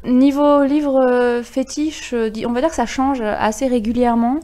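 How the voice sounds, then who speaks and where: A woman's voice: high-pitched, fairly even intonation, moderate pace, dark tone. A woman with a French accent co-hosting a book podcast, talking casually with frequent hesitations. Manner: hesitant, many fillers. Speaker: podcast co-host.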